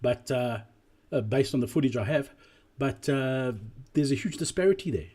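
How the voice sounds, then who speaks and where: A man presents an analysis of drive-through performance in an explanatory business voice-over. His medium-pitched voice is mellow and slightly husky, and he speaks deliberately and emphatically, repeating key phrases.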